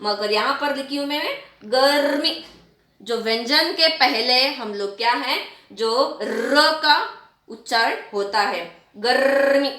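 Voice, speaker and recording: A woman teacher explaining a writing lesson to children, repeating and stretching out example words slowly. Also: a little high, sharp tone, reverberant. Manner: repetitive, drawn-out word demonstrations, addresses children often.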